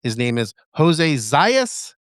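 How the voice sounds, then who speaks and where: A man's voice: fairly high pitch, big pitch swings, takes it slowly, a bit bright, no room sound, studio quality. A man hosting a remote podcast, asking loose, rambling questions in a casual way. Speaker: podcast host. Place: remote, virtual studio.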